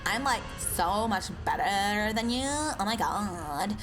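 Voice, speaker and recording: A woman's voice: medium pitch, animated, slow, music in the background, low-quality recording. Woman putting on a smug bimbo valley-girl drawl. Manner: bimbo drawl, peppered with 'like'.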